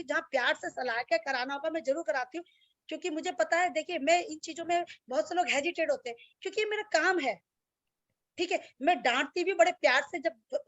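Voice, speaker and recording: A woman's voice: high voice, a bit bright, dry recording. A woman yoga teacher speaking bluntly and plainly to her students over a video call. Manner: blunt and straightforward, self-described strict. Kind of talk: online class talk with students. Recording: dull lo-fi video call audio.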